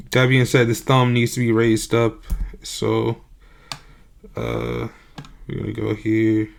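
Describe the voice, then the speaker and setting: A man's voice: medium pitch, clear, resonant tone. A young man live-streaming his game development at night, sleepy, his voice a little worn, rambling and hesitant with many fillers. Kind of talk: casual live-stream talk.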